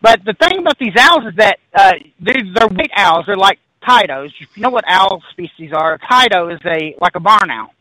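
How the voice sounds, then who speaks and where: A man with a high, bright voice tells a story in a loose, rambling way, doubling back and laughing as he goes. His voice is recorded dry and close. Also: normal speed, few pauses, dry recording, rough recording. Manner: rambling, animated storyteller who backtracks and laughs. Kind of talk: casual storytelling chat.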